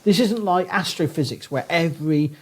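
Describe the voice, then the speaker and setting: Husky, posh Southern English man. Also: on the high side, normal speed. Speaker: guest archaeologist. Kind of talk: conversational podcast interview.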